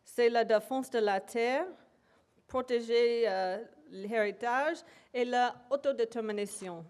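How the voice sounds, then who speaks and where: A native English speaker invited to present academically, she talks slowly and haltingly in a lecture hall, with lots of pauses and fillers. Her voice is rather high, a little mellow, clear, and resonant.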